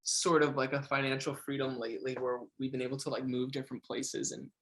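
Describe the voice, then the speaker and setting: A man's voice: mid-range voice, flat delivery, brisk, a bit bright. A young man, a musician guest, talking in an enthusiastic, gushing way with lots of "like". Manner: enthusiastic, gushing, heavy use of "like". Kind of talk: casual interview chat.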